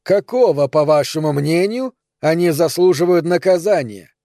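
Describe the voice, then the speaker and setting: A man voicing a cruel, mocking male witch-hunter in an audiobook, speaking slowly with a sneer. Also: dry recording, studio quality, close to an everyday voice. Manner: slow, sneering, shrill when shouting. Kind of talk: audiobook character reading.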